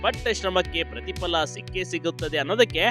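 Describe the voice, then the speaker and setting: A man's voice: high voice, brisk. A man reading a scripted news voice-over with emphatic, dramatic delivery and folksy asides to the viewer. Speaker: news narrator. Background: faint music.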